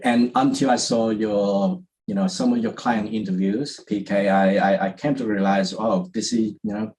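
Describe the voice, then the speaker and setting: On poor audio, a Vietnamese man guesting in an interview speaks in a lowish, slightly mellow voice. A property investor, he talks casually, full of fillers and restarts.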